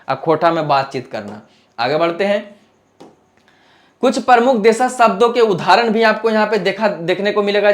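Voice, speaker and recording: High-pitched man teaching. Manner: conversational, slips into local dialect for examples; checks in often with the class. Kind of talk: exam-prep lecture.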